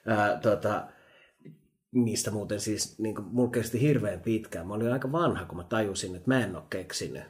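A man co-hosting a podcast tells stories with animation in a casual chat, laughing often and using lots of fillers. His voice is on the lower side, and the sound is roomy.

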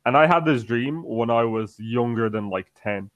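A man's voice: mid-range voice, normal speed, no room sound, dull audio. A man hosting a casual podcast chat, rambling and restarting his sentences as he tells a story. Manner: rambling, self-interrupting storyteller. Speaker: podcast host.

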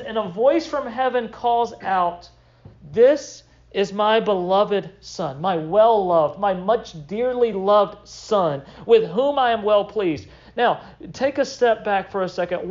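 A man's voice: sits high, highs cut off. A young man preaching a sermon as pastor, earnest and emphatic, repeating short phrases for weight.

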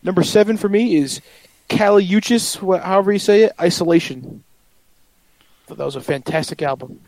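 A man's voice: high voice, fairly quick, a little mellow, poor audio. A man in casual podcast chat, laid-back and joking about music. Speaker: podcast co-host.

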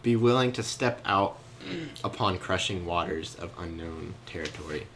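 Young male study leader, low voice, playful storytelling, faint room hum. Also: moderate pace. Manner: joking, animated storytelling with laughs. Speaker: youth Bible study leader. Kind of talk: casual teaching.

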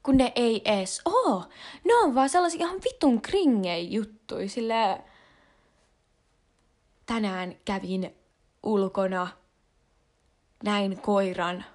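A woman's voice: mid-range voice, animated, pauses often, a little mellow. A young adult woman vlogging in a casual confessional chat, rambling with lots of fillers and slang. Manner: rambling and slangy, with frequent fillers and English words mixed in.

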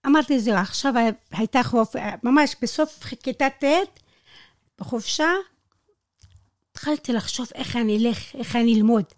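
Recorded dry at studio quality, this woman from Israel's Negev has a fairly high voice and speaks animated Hebrew with some non-native grammar slips. As an interviewee and Bedouin tour guide, she shares personal stories in conversation, acting out the dialogue she quotes.

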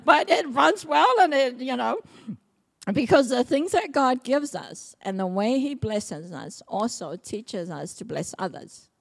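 A middle-aged woman from Samoa giving a personal testimony sermon, telling stories in a lively way and acting out quoted speech. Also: fairly high pitch, unhurried, creaky, breathy edge. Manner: lively storytelling, acts out quotes, laughs often. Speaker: preacher.

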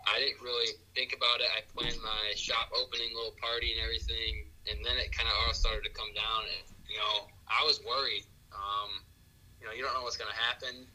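A man's voice: mid-range voice, little pitch movement, brisk, pushed and bright, poor audio. A man in his late teens answering interview questions in a plain, matter-of-fact way. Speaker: guest, young shop owner.

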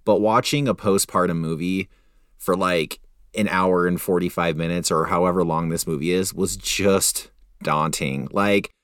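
A man's voice: sits low, fairly even intonation, unhurried, a bit bright, dry recording, studio quality. A young man co-hosting a podcast, joking around and rambling with hesitant fillers. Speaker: podcast co-host. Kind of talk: casual chat.

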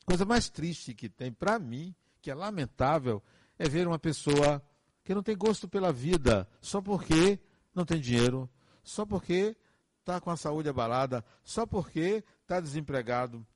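A man's voice: on the high side, lively intonation, normal speed, a little mellow, a little hiss or hum. A man, speaking as a counselor in a reflective, earnest monologue full of advice and emphatic repetitions.

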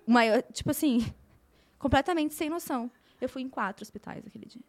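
A woman, a flight attendant, telling a story in a lively, casual way, often repeating words for effect. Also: high voice, normal speed.

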